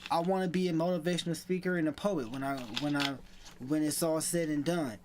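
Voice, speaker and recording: A man who is a guest in a casual conversation and stutters now and then, with halting restarts. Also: fairly high pitch, fairly even intonation, noisy background.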